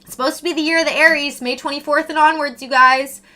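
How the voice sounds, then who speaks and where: Young Canadian woman streamer, high bright voice, casual and profane, rants at chat. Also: quick pace. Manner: swears a lot, ranting, animated. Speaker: streamer chatting with viewers.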